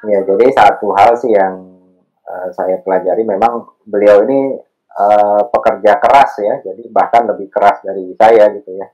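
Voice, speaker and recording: A man in his thirties, a podcast guest, talking through his family and early career in an unhurried, thoughtful way, with many fillers. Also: on the low side, fairly even intonation, warm tone, muffled recording. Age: 30s. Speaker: podcast guest, alumni candidate. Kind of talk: casual interview chat.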